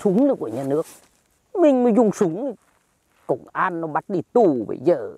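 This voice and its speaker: A woman's voice: lowish voice, very animated, moderate pace, warm tone, husky, no room sound. A woman playing a stingy, grumpy old village grandfather who scolds bluntly in a comedy skit. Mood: grumbling.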